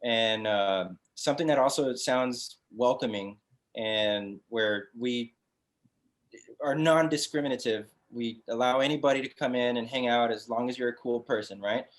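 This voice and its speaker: A man, a brewery founder chatting as a guest on an interview show, relaxed and full of fillers and restarts. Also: medium pitch, moderate pace. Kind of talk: casual interview chat.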